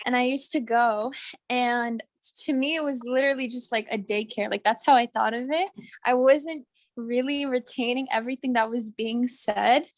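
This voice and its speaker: A young woman student sharing her personal story on a video call, halting, full of fillers, and emotional. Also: on the high side, dry recording. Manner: halting, heavy on fillers, tearful at moments.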